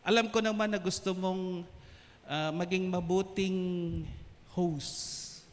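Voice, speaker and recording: A man voicing Jesus as a gentle, calm figure speaking softly and slowly in a reverberant hall. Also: high voice, pitched below the performer's own voice. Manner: soft, slow and soothing.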